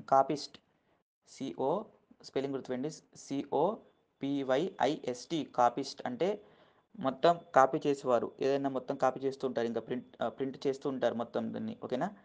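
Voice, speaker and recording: A man's voice: mid-range voice, a little mellow. Earnest male Telugu teacher spelling words. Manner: keeps asking "okay?" after each point, spells words letter by letter; earnest, gets emotional while lecturing. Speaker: English vocabulary teacher. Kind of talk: casual lesson explaining words in Telugu.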